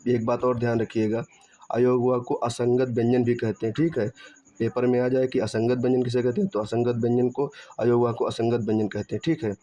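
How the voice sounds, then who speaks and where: A man's voice: mid-range voice, flat delivery, brisk, dark tone. Muffled Hindi grammar teacher, man. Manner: repetitive, asks and answers his own questions, checks with "theek hai"; drags out syllables when spelling sounds. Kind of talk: online grammar lesson. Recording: dull, muffled lo-fi recording.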